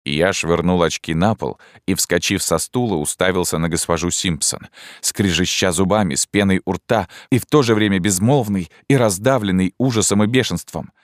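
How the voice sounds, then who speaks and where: A man reading a story aloud with expressive, theatrical narration. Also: low voice, normal speed, no room sound, studio quality. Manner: theatrical, exclamatory delivery. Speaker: audiobook reader.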